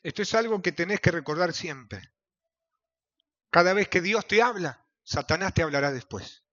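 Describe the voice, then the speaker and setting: A man preaching with a Rioplatense accent, his voice high and bright, cutting through a dull, lo-fi recording. He swings from shouted appeals to low, urgent murmurs. He speaks as a pastor in a fiery evangelical sermon. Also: expressive, moderate pace. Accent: Rioplatense Spanish. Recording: dull lo-fi sound.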